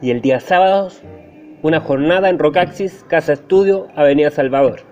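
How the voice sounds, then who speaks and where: A young Chilean man with a Chilean Spanish accent, delivering a deadpan, exaggerating comic monologue. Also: on the high side, fairly quick, lo-fi sound, faint music behind. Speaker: stand-up comedian.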